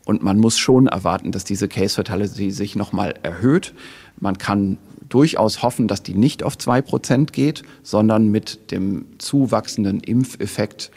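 Expert guest, male, lowish husky gravelly voice, measured and careful. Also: mellow. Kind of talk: podcast interview, explaining data.

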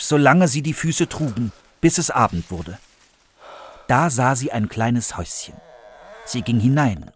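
A man reading a fairy tale aloud for children with expressive, lively storytelling. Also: mid-range voice, no room sound, studio quality. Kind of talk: scripted storybook narration for children.

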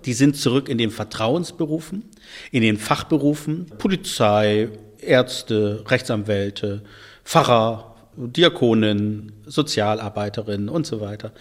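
A man who holds a church role answers interview questions, explaining things thoughtfully at a medium pitch. His phrases tend to fade softly at their ends.

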